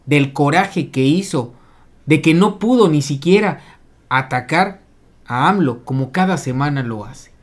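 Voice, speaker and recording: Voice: medium pitch, expressive, unhurried. A YouTube news commentator giving casual political commentary, rambling with many hesitations.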